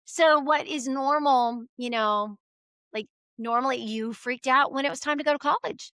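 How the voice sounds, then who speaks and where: A middle-aged woman chats as an interview guest, telling family stories and acting out every voice in them. Her voice is bright and a little high. The sound is dry and close. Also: moderate pace, clear, resonant tone, no room sound. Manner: animated storyteller acting out quoted voices. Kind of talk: casual chat.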